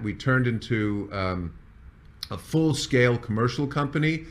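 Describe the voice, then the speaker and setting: A man speaking as chief executive and founder tells the company's history in a measured executive storytelling style, as though addressing staff. His voice is medium-pitched and a bit bright.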